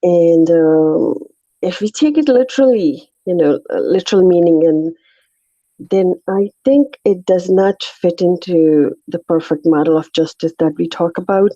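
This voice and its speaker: A woman with a North Indian accent speaking haltingly as she shares her reflections in an informal scripture discussion. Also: fairly low pitch, mellow, no room sound, dull audio. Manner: halting, searching for words. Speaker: discussion participant.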